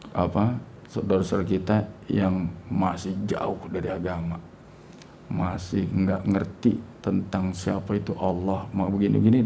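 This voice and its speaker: A man's voice: on the low side, creaky, dark tone, slight background noise. A man teaching a religious class, telling a story with acted-out dialogue and jokes.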